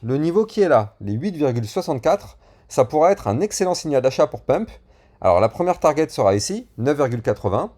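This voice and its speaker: A man's voice: medium pitch, a little mellow. A man casually talking through crypto price charts and plugging his channel, with many fillers and bits of slang. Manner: chatty, with frequent fillers and slang. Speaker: crypto YouTuber. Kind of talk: chart analysis and channel promotion.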